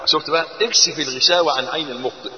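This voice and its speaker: A man with an Egyptian Arabic accent preaching a sermon, swinging between loud emphasis and soft, gentle tones. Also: on the high side, very fast. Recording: muffled, with long hall reverb.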